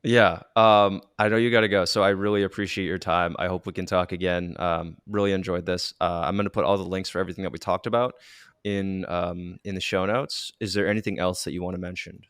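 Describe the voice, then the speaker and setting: A man's voice: deep voice, fairly even intonation, brisk, fairly bright tone, smooth, no room sound, studio quality. A man hosting a podcast, speaking in a reflective, hesitant way with many restarts. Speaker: podcast host. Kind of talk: casual interview chat.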